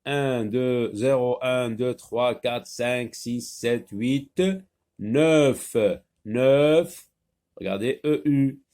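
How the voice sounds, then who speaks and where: A man teaching a French phonics lesson, saying each word slowly and repeating it with patience. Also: medium pitch, a little mellow. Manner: slow, patient, repeats words clearly.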